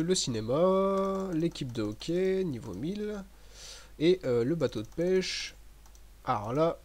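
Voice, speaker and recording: A man giving relaxed, chatty commentary over a game he is playing, with many fillers and restarts. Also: a little high. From French-speaking. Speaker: gaming commentator. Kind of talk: casual gameplay commentary.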